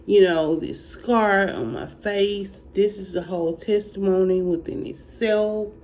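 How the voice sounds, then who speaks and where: A speaker from Alabama with a country Southern accent, talking slowly and haltingly in a personal faith testimony and encouragement vlog. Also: medium pitch, darkish tone, a little hiss or hum. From Alabama, United States. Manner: slow, halting country drawl. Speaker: faith vlogger.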